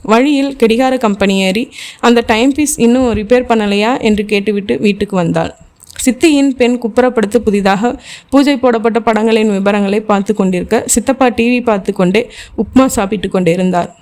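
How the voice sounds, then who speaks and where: A woman's voice: a little high, moderate pace, a little mellow. A woman reading a thriller novel aloud as an audiobook, speaking every character's dialogue in her own voice. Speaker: audiobook narrator.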